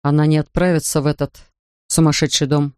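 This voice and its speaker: A narrator voicing a grieving father who talks softly, slowly and tenderly to his daughter. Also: little pitch movement, smooth, no room sound, studio quality, natural voice. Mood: tense. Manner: soft, low and slow, pleading. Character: grieving gentle father, a big man. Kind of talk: audiobook character voice.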